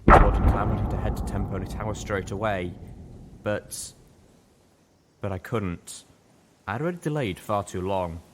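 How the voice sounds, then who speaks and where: Narrating dramatic fiction like an audiobook reader, this man keeps a normal pace but pauses often. The recording carries noticeable background noise with a low rumble.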